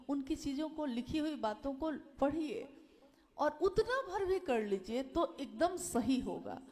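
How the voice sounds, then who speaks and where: A woman speaks to a devotional gathering in a high voice. She talks slowly and earnestly. She pleads with her listeners and repeats her key phrases. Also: darkish tone. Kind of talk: devotional talk.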